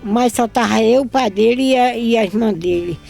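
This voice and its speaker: A woman's voice: a little high, moderate pace, gravelly, a little mellow, faint music behind. An older woman from northeastern Brazil giving an emotional religious testimony about her son, often repeating herself and quoting others.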